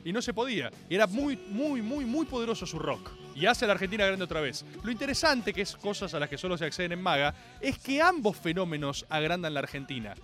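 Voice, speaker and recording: Rioplatense male host, high lively voice, theatrical slangy rant, faint music behind. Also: quick pace, few pauses. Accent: Rioplatense Spanish. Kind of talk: comic monologue.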